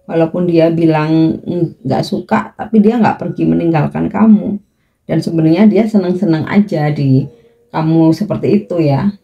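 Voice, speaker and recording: Woman, tarot reader, casual chatty monologue, low mellow voice, slightly dull lo-fi sound. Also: gravelly. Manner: chatty, drawn-out fillers, frequent light laughs.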